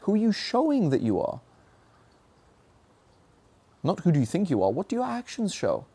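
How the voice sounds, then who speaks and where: A young man with a high-pitched, breathy voice marked by huge pitch swings and a dark tone talks at a moderate pace. Earnest and searching, he reflects on his own struggles in a motivational monologue, often questioning himself.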